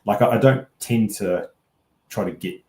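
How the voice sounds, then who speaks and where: A man's voice: lowish voice, unhurried, darkish tone. A man giving casual sports analysis as a pundit, in a hesitant, rambling way that circles around each point. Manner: hesitant, rambling, hedging delivery. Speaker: rugby betting pundit. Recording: echoey room.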